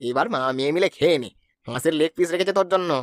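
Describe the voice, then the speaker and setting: A man voicing a kindly village husband and father in a cartoon, coaxing and fast-talking. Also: a little high, background noise, natural voice. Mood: gentle.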